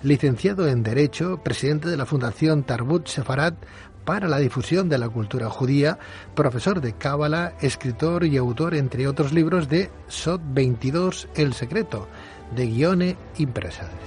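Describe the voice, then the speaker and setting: A man's voice: on the high side, lively intonation, darkish tone, faint music behind. Courteous Spanish man hosting late-night radio. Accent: Spain Spanish. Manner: courteous, measured, with hesitant fillers. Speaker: radio host.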